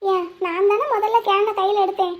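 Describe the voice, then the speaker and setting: A woman's voice: extremely high pitch, steady tone, normal speed. A woman voicing a bossy little village girl in a cartoon. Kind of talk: Tamil cartoon dubbing.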